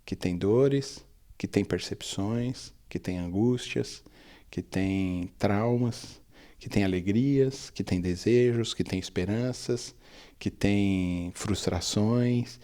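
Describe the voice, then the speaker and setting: Man, Brazilian Portuguese accent, pastor, low voice, dark mellow tone, reflective, listing point after point. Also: takes it slowly. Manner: reflective, builds points through long lists. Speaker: pastor and guest.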